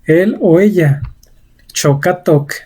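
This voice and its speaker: A woman's voice: lowish voice, slow pace, warm tone, breathy edge. A woman giving a vocabulary lesson, saying each word and example carefully and repeating it. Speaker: language teacher.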